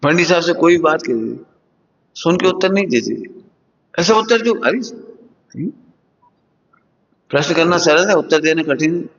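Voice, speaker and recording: A Jain religious teacher gives a morning sermon to students in a large hall, his fairly high voice lively as he acts out scoldings with sudden high jumps and chuckles often while teaching. He speaks at normal speed with long pauses, and the dull, lo-fi recording carries long reverb from the hall.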